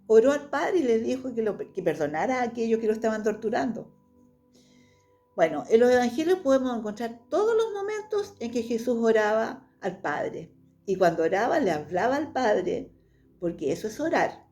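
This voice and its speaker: A woman's voice: fairly high pitch, animated, normal speed, dark tone, soft background music. A woman giving a devotional Bible lesson, speaking earnestly and reading scripture passages aloud between her own reflections. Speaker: Bible teacher.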